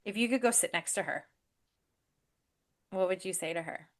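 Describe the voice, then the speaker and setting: A woman's voice: fairly low pitch, moderate pace. A woman hosting a podcast, chatting casually and encouragingly with a friend, laughing often. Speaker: podcast host and life coach.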